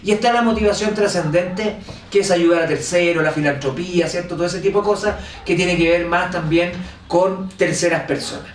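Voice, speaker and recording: Chilean guy teaching an online class, kinda high voice, animated, sounds far from the mic in an echoey room. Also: fairly quick, slight background noise. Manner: animated, asks for agreement with "¿cierto?". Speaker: instructor. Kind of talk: online course lecture.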